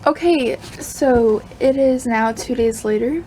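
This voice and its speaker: A woman chatting casually about her crochet project, rambling and laughing softly between thoughts. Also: fairly high pitch, slow pace, slight background noise. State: hiccups. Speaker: crochet vlogger. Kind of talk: casual chat.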